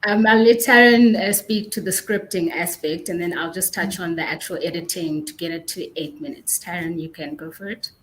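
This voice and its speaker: A woman's voice: moderate pace, few pauses, fairly bright tone, low-quality recording. A woman speaking as a panelist, explaining her work off the cuff. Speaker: panelist, podcast editor. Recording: clear background noise with low rumble.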